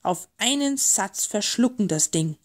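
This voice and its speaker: A woman's voice: mid-range voice, lively intonation, measured pace. A woman voicing a grumpy, confrontational male lionfish in a storybook reading. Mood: aggressive. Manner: snorting and confrontational. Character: grumpy, aggressive male lionfish, spiky temper.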